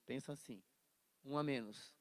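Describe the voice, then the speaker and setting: A man voicing a sly, tempting devil in a low, hushed, coaxing murmur. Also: moderate pace, no room sound, close to an everyday voice.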